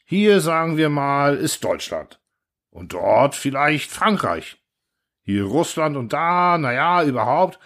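A man's voice: fairly high pitch, very animated, a bit bright, voice pushed up, heavily acted. A man doing a clumsy rambling guard. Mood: earnest rambling. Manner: halting, rambling, full of fillers. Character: bumbling male airfield guard, eager, clumsy speaker.

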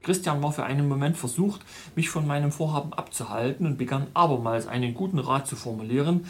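A man, host of a storytelling podcast, narrating his own travel story in scripted first person with measured, detailed telling. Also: mid-range voice.

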